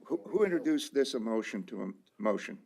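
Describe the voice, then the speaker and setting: A man's voice: mid-range voice, expressive, darkish tone. A man at a council meeting stumbling through a question to clarify a vote. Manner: halting, repeats words when unsure. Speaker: council member.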